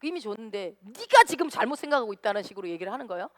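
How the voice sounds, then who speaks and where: A woman's voice: medium pitch, very animated, very fast, no echo, studio quality. A woman pastor preaching a sermon in a church, acting out prayers and asking the congregation questions. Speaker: senior pastor.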